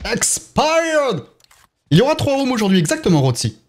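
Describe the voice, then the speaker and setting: A man's voice: high voice, huge pitch swings, rapid-fire, a little mellow. A young French man streaming a mobile shooter live, chatting with viewers and answering their chat while he plays. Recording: game gunfire faintly behind.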